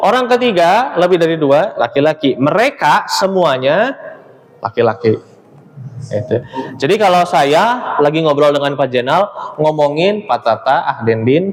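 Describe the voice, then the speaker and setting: Patient teacher, man. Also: a little high. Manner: explains patiently, checks understanding with "ya" and "gitu". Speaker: Arabic teacher. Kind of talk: classroom grammar lesson. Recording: reverberant hall, faint ambient noise.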